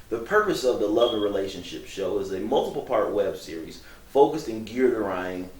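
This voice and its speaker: A man hosting a talk show, who introduces his guests and asks them questions in measured, formal phrasing. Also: on the low side. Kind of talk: interview hosting. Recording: echoey room, distant mic.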